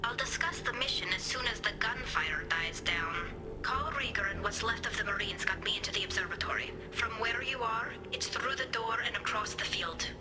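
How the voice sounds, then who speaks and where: A woman voicing a young, earnest alien engineer, speaking softly and breathily over a sci-fi communicator with loud game music underneath. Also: on the high side, normal speed, poor audio. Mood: urgent. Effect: sci-fi communicator radio transmission. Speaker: squad ally on comms. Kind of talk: video game voice acting.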